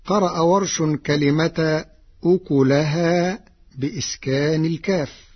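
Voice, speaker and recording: Slow husky man teaching Quran readings. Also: medium pitch, steady tone. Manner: slow, deliberate, quotes verses in a chanted tone. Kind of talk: explaining Quranic reading variants. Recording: dull lo-fi recording.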